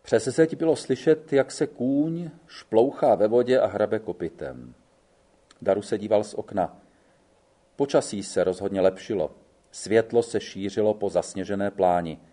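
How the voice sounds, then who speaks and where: A man narrating a literary audiobook in a measured, even reading. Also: fairly low pitch.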